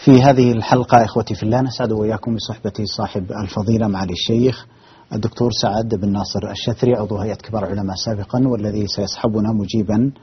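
A man's voice: lowish voice, fairly even intonation, rapid-fire, husky. A man hosting a religious call-in show, courteous and formal as he greets viewers and takes calls. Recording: dull muffled broadcast audio.

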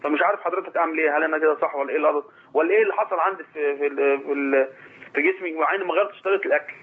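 A man's voice: fairly high pitch, racing. A man in his late thirties with an Egyptian accent, calling in by phone, hesitant and full of fillers. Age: 30s. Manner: hesitant, many fillers and restarts. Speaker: caller. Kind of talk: call-in phone conversation. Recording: tinny phone line.

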